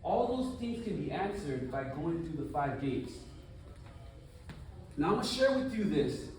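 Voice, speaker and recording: Male speaker, conference talk, lively and chatty, fairly high voice, heard from a distance in a reverberant hall. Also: measured pace, a little hiss or hum. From United States. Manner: animated, conversational, rhetorical questions. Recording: echoey room, from far off.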